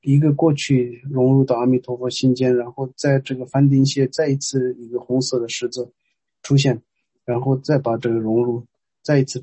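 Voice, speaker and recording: A male meditation teacher guides a Buddhist practice, alternating instruction with prayer recitation. His voice is husky and slightly breathy, and it stays flat and even in pitch. The recording is dry, with no room sound. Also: no room sound, poor audio.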